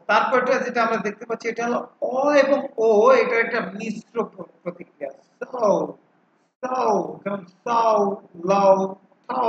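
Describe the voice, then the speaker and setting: A man's voice: very high-pitched, fairly bright tone, a little hiss or hum. A man teaching phonics, explaining each vowel and repeating the sounds over and over for drill, with English terms mixed in. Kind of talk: explaining a lesson. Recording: echoey room, dull lo-fi sound.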